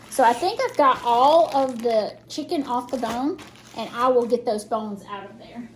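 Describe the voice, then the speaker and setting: Lady with braces doing a chatty cooking vlog, high voice, some crinkly kitchen noise behind her. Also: unhurried, poor audio. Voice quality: slightly impeded speech from new dental braces. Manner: chatty, folksy, narrating each step as she works. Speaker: home cook hosting a cooking vlog. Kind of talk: casual cooking demonstration. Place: home kitchen while cooking.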